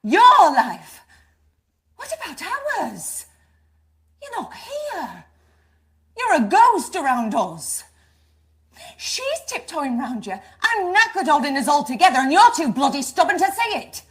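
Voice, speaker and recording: An actress playing an exhausted mother who scolds her husband forcefully. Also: high-pitched, big pitch swings, slow, pauses often, full character voice. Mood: angry. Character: exhausted, fierce British mother and wife.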